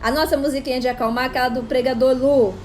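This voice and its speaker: A woman in her thirties, a psychopedagogue, giving casual parenting advice to camera in an animated way. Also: high voice, quick pace, a little hiss or hum. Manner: animated, acts out parent and child voices. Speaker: psychopedagogue and parenting channel host.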